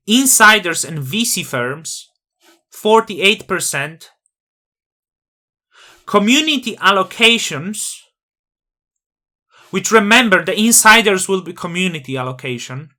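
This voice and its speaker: A man with a noticeable non-native accent fronts a crypto channel, offering a casual on-screen opinion monologue in a self-aggrandizing, grandiose manner full of rhetorical questions. He has a high-pitched voice that sounds pushed and bright.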